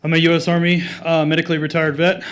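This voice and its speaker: A man who is an army veteran, giving informal, halting public remarks with many fillers at a city council meeting. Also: a little high, little pitch movement, a bit bright.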